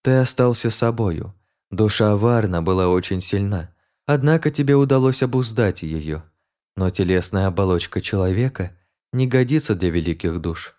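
A man voicing a princess who speaks calmly and coldly. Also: fairly low pitch, normal speed, lightly acted. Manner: calm and cold. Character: cool haughty princess, a young woman.

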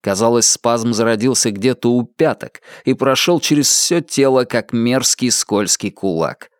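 A man reading a novel aloud as an audiobook narrator, in a dramatic, expressive manner. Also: medium pitch, a little slow, dry recording, clean studio sound. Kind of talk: scripted narration.

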